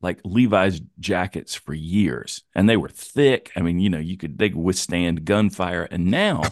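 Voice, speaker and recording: Man, middle-aged, very deep voice, wry reminiscing, dry close sound. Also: a little slow, no echo. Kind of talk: casual chat.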